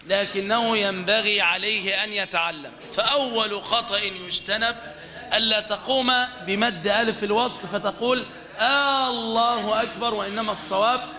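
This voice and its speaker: High bright-voiced man teaching in a hall. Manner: explains slowly, then sings example phrases drawn out. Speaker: teacher of call to prayer pronunciation. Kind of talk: religious lesson with demonstrations.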